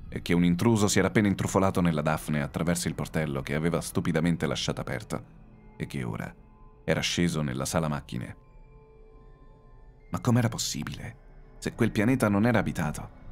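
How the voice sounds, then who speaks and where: A man with a very low voice narrates a horror audiobook. His reading is suspenseful and dramatic, and his pitch swings widely. Faint music plays quietly behind him. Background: faint background music.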